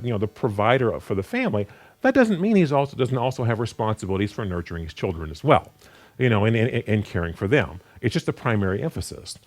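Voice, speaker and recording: Male Bible teacher, sermon delivery, lively pitch that climbs for emphasis, halting with many restarts. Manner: halting, with frequent repeated words and restarts; animated pitch, rising sharply for emphasis. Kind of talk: unscripted Bible study sermon.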